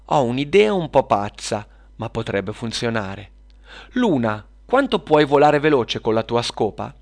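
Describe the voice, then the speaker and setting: A man voicing a quick-thinking young superhero girl who leads the plan. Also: medium pitch, sing-song, creaky. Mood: eager. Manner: eager, urgent.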